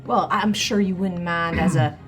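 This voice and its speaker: Low-voiced, hesitant woman player. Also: steady tone, normal speed, a bit bright, faint music behind. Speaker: tabletop game player. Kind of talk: improvised in-character role-play.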